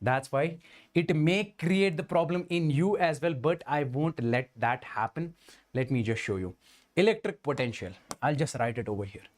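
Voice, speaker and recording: A man's voice: fairly high pitch, animated, normal speed. A male physics teacher, giving an exam-prep lecture and checking in often with students. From India. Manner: addresses students directly, keeps asking "understand?"; voices the students' replies as "Sir, ...".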